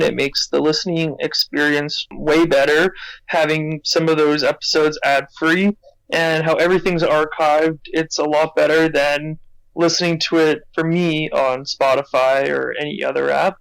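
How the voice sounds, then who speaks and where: A man's voice: fairly high pitch, level tone, normal speed, gravelly, fairly bright tone, smooth, no room sound, poor audio. A young Canadian man leaving a friendly, rambling voicemail for a podcast as a listener. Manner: friendly and enthusiastic, rambling with fillers. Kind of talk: recorded voicemail message.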